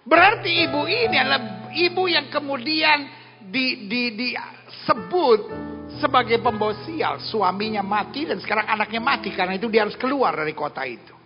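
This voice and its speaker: A male pastor gives a humorous sermon with punchy, shouted emphasis. His voice sits high and gravelly. It is recorded dull in a large church hall with long reverb and music behind. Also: lively intonation, moderate pace.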